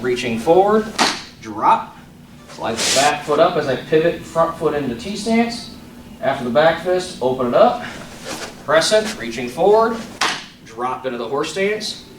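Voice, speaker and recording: A man's voice: medium pitch, reverberant. A man instructing a martial arts form in terse, clipped commands, as a taekwondo tutorial teacher. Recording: distant mic, faint room noise.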